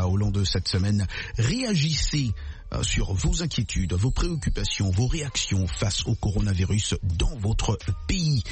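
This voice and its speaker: A man hosting a radio show, talking in an animated way with many "euh" fillers and a voice that often jumps upward. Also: lowish voice.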